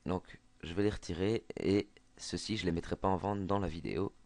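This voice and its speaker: A man's voice: low-pitched, brisk, gravelly, a little mellow, no room sound. A man with a Belgian French accent explaining a game trick over a screen recording, hesitant with many fillers and restarts. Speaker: gaming tutorial maker.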